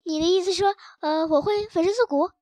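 A woman's voice: extremely high pitch, very animated, fast talker, no echo, voice pushed up. A woman voicing a timid, simple-minded male dog in a children's storybook, asking nervous, naive questions.

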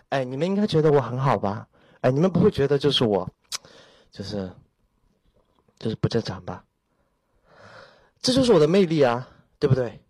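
A man's voice: mid-range voice, very animated, normal speed, pauses often, a little mellow, breathy edge, no echo. A man hosting a voice chat room, talking in a playful, dramatic, self-mocking way from an empty room. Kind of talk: casual chat.

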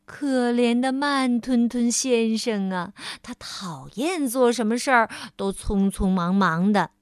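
Slow, gentle woman storyteller. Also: on the high side, clear, resonant tone, no echo, clean studio sound. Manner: gentle, drawn-out storytelling to a child. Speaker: children's storyteller. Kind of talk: children's storybook reading.

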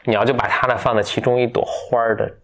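A man casually retelling a fairy tale to a friend, rambling with many fillers and self-corrections, playful and quick to get animated. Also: medium pitch. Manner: playful, gets animated and laughs. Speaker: storyteller.

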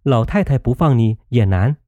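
Male reader doing an earnest young nobleman; eager, placating, dark-toned. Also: mid-range voice, expressive, normal speed, no echo, muffled recording, voice pushed up, close to an everyday voice.

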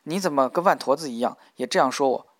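A man voicing a gentle, anxious young woman in an audiobook, speaking softly and pleadingly. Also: medium pitch, fast, no echo, studio quality, lightly acted.

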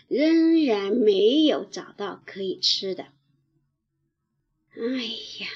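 Brief: gentle female children's storyteller, high-pitched, unhurried, lo-fi recording. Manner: slow, gentle, lively storytelling. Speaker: teacher telling children's stories. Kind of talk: bedtime story narration for children.

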